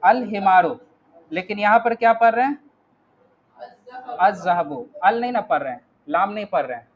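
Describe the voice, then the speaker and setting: A man's voice: sits high, animated, quick pace, highs cut off. A man teaching an Arabic grammar class online, patiently walking students through each word and often checking whether they follow.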